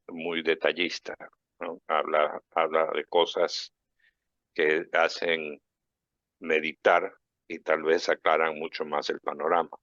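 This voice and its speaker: Deep-voiced radio preacher. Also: male voice, fairly bright tone, dry recording. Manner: reverent, unhurried preaching delivery. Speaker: radio program host. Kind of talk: radio prayer and gospel reflection. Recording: dull, dry radio studio sound.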